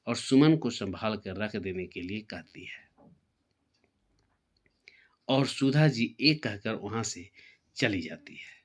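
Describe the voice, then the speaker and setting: A man narrating a family story in a plain, steady reading voice. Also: on the low side. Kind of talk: scripted narration.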